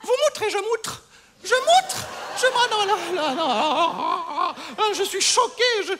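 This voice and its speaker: Marie-Thérèse Porchet, a man doing a shrill fussy landlady. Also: lively intonation, measured pace, noisy background. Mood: outraged, wailing. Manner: simpering, melodramatic, stammering outbursts. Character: fussy, scheming, overdramatic middle-aged Swiss landlady. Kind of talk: stage comedy sketch.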